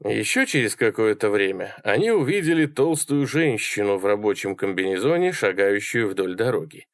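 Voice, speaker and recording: A man reading a horror story aloud as an audiobook narrator, in an expressive, dramatic way. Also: lowish voice, normal speed, no room sound.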